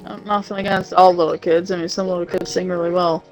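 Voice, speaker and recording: A woman streamer chatting casually with family while playing a game, in a relaxed, grumbling way, with game music faint behind her. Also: fairly low pitch, quick pace, poor audio. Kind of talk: casual chat while gaming.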